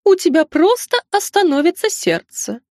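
Storybook: woman voicing a haughty ancient owl shopkeeper, raised pitch, condescending. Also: big pitch swings, normal speed, darkish tone, no room sound, clean studio sound, exaggerated voice. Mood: blunt. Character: pompous ancient male owl-like creature, shop keeper.

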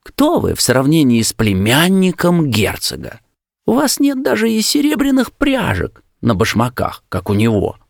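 A man's voice: a little high, animated, normal speed, creaky, no room sound, studio quality, pitched above the performer's own voice, heavily acted. A man putting on a haughty young girl. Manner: haughty, disdainful. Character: proud young professor's daughter, haughty and cold.

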